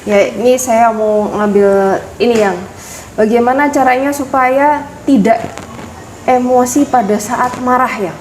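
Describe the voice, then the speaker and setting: A woman hosts an interview, prompting with short questions and quick agreements. Her voice is a little high, and the room around her echoes, with a faint hum behind it. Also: darkish tone. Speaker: host.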